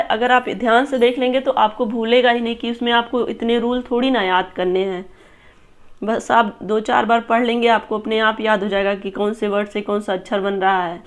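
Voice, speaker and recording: Patient woman teaching a grammar lesson. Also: fairly high pitch. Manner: patient, repetitive explaining, pointing at a board. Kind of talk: exam-prep grammar lesson.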